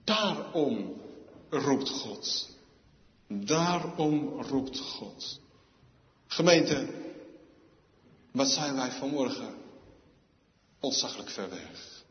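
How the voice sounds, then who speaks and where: Slow, solemn preacher man in echoey church. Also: medium pitch, animated. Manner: slow, solemn preaching with sudden loud emphatic outbursts. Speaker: pastor. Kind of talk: sermon. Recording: echoey church hall, dull lo-fi sound.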